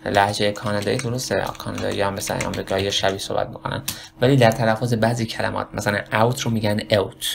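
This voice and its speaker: Gravelly-voiced Persian man teaching. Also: fairly low pitch, flat delivery, background noise. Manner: rambling, self-correcting, demonstrates words slowly. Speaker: English pronunciation teacher. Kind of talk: casual spoken lesson.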